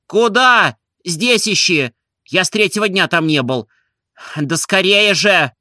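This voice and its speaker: Man doing a whiny fussy gentleman, high and impatient, nagging. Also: sing-song, measured pace, no room sound, studio quality, exaggerated voice. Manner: impatient, scolding, shrill.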